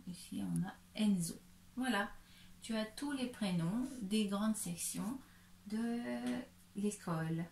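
A woman kindergarten teacher giving a slow, careful reading lesson to a young child, patiently sounding out each syllable. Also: medium pitch, a little mellow, slight background noise. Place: room at home. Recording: echoey room.

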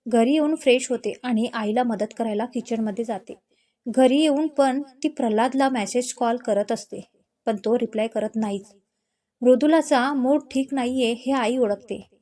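A woman storyteller reading a scripted love story in a gentle, descriptive way. Her voice sits fairly high yet sounds soft and mellow. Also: moderate pace.

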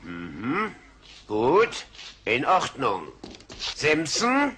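A man's voice: mid-range voice, huge pitch swings, drawn-out words, sharp tone, a little hiss or hum, exaggerated voice. A man playing a stern, fussy cartoon school principal, officious and scolding.

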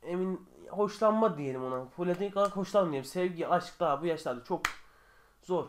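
A man's voice: high voice, noisy background. A young man answering viewer questions in a casual vlog from his bedroom, chatty and joking, sometimes getting heated. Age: young adult. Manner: chatty, joking, quick shifts between calm and heated.

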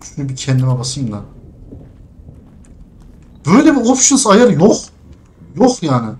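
A young man playing a game and commenting as he goes, cursing and laughing at the controls, muttering quietly while sneaking. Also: on the high side, big pitch swings, measured pace. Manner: exasperated, swearing at the game's controls, laughing. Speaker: gaming streamer. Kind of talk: let's play commentary.

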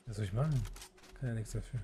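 A male streamer chats casually over a game, teasing and joking crudely with friends. His voice sits at a middling pitch and often sinks into quiet mumbles. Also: fast talker, a crowd in the background. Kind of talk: casual gaming voice chat.

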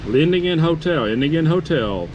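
Seated at a campsite table outdoors, a courteous amateur radio operator calls out and repeats phonetic call signs in contest style. A camera on the table beside the radio picks up his fairly high voice at a moderate pace, with dull audio and clear, steady outdoor background noise.

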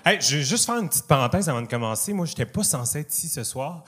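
A man's voice: a little high, expressive, quick pace, a bit bright, breathy edge. A young man with a Quebec French accent doing a self-deprecating stand-up routine on a comedy club stage, laughing at his own jokes.

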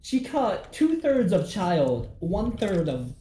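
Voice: mid-range voice, slow pace. A young adult streamer chatting casually, telling a story and acting out the people in it. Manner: animated, acts out quoted people mid-story. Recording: echoey room with faint noise.

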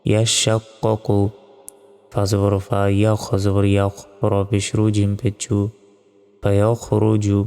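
A man's voice: on the low side, monotone, a little slow, creaky, mellow, clear, resonant tone, big-room sound, soft background music. A man with a Bangladeshi accent teaching Quran reading, patiently spelling out each letter and vowel mark. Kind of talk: spelled-out recitation lesson.

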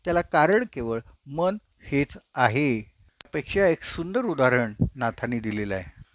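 A man giving a religious discourse, telling a parable in an animated way and acting out the dialogue. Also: mid-range voice, measured pace, no echo. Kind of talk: storytelling sermon.

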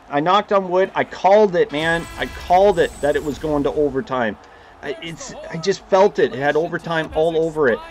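A young man hosting a gaming channel, giving live commentary on a hockey video game and reacting loudly to each play. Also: fairly high pitch. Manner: excitable, reacts loudly to plays.

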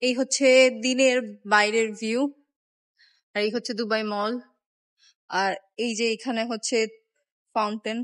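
Holding her phone out at arm's length, a young travel vlogger chats casually in a glass skywalk lined with moving walkways. She speaks at a measured pace with frequent pauses, in a fairly high, fairly bright voice that stays fairly even. Her tone is wry and self-mocking about her own laziness.

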